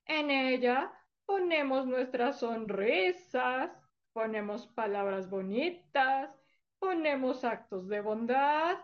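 A woman's voice: high voice, lively intonation, slow. A woman telling a story to children, exclaiming with delight along the way. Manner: warm, exclaiming often with sighs of delight. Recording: dull lo-fi recording.

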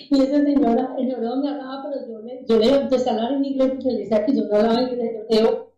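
A woman's voice: on the high side, steady tone, quick pace, warm tone, echoey room, recorded from a distance, highs cut off. A Colombian woman with a Colombian Spanish accent, telling a personal faith testimony in a casual, rambling way with prayerful asides. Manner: storytelling, with frequent restarts and prayerful asides.

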